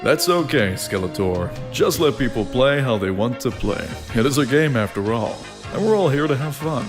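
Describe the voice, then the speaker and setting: Calm reasonable hero, voiced by a man, lively intonation, clear background music. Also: mid-range voice, moderate pace, lightly acted. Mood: calm reasoning.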